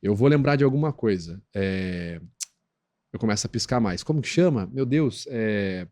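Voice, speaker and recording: A man's voice: lively intonation, normal speed, a little mellow. Man with a Brazilian accent explaining patiently. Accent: Brazilian Portuguese. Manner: didactic, peppers talk with tag questions; acts out quoted voices in a high squeak. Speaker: guest expert on lie detection. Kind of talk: explanatory podcast interview talk.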